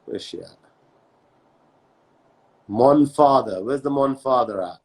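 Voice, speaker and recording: A man hosting a casual live-stream interview, talking in quick bursts full of restarts. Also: medium pitch, darkish tone, husky, rough recording. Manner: rapid, halting, many restarts and "man". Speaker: host.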